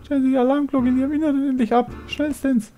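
A man doing a shrill scolding professor. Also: flat delivery, fast, dark tone, faint music behind. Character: stern, fussy male professor.

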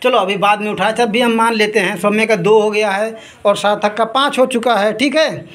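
A woman running a toy-finding game for two children. She keeps up lively play-by-play commentary and rapidly repeats item names to hurry them along. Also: mid-range voice. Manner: scolds and laughs between rounds.

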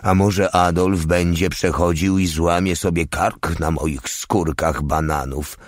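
A man's voice: low voice, fairly even intonation, takes it slowly, dry recording, studio quality. A man reading an audiobook voices a cheeky, lazy male soldier who talks in an offhand, insolent way. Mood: mocking.

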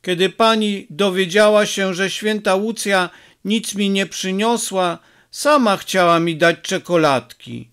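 A man's voice: high voice, unhurried, few pauses, a bit bright, clean tone, pitched above the performer's own voice. A man voicing a stubborn hurt little boy. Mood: stubborn, plaintive. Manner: pleading, insistent. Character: six-year-old boy, stubborn and hurt.

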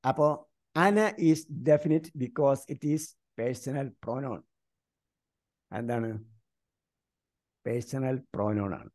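Man from India teaching grammar online, mellow voice, keeps quizzing students and spells terms out slowly. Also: mid-range voice. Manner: quizzes students with repeated questions.

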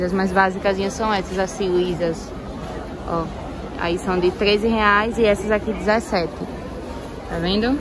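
A woman touring a clothing market on her phone camera, talking through a face mask and pointing things out to viewers. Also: mid-range voice. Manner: chatty, keeps saying "ó" and "olha só" to viewers. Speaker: shopping vlogger. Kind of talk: casual market tour vlog. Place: busy indoor clothing market. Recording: crowded market noise behind.

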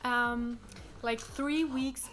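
Heavy background noise surrounds this extremely slow, casual chat from a young woman who grew up speaking German. Her voice sits on the high side with fairly even intonation, and she answers questions in a small indoor living room with a sofa, leaning on fillers and acted-out quotes.

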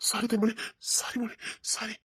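A woman's voice: a little high, level tone, moderate pace, a bit bright, breathy edge, no echo, studio quality. A woman voicing a remorseful young husband who pleads with his wife, in a Tirunelveli Tamil accent, often whispering apologies. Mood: pleading.

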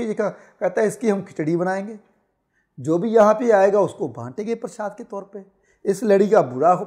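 Middle-aged male astrologer, high-pitched, animated storyteller who acts out dialogue. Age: 40s. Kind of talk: storytelling talk show monologue.

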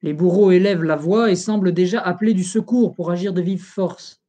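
An audiobook reader reading a history book aloud in a slow, solemn, even delivery. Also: medium pitch.

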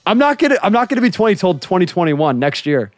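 A man's voice: high voice, very animated, fast talker, dry recording, faint music behind. A nineteen-year-old man co-hosting a gaming playthrough, easygoing and laughing often as he chats. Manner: easygoing, laughs often, says "bro" and "dude". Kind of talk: casual chat over gameplay.

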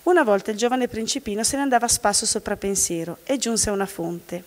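A woman from the audience reading a fairy tale aloud in a steady storytelling manner. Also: medium pitch, fast. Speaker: volunteer reader from the audience. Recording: long hall reverb.

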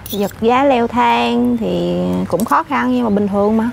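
An actress playing a gossipy office worker, speaking with a Southern Vietnamese accent and a complaining manner. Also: female voice, a little high, a little slow, gravelly, darkish tone, a little hiss or hum. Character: gossipy middle-aged woman office worker. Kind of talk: comedy sketch acting. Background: faint background music.

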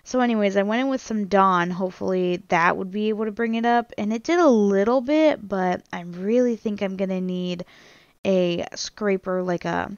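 A woman's voice: mid-range voice, normal speed, smooth, dry recording, highs cut off. Chatty young woman narrating a cleaning vlog. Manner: chatty, laughs often. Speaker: cleaning vlogger. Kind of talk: casual voice-over narration.

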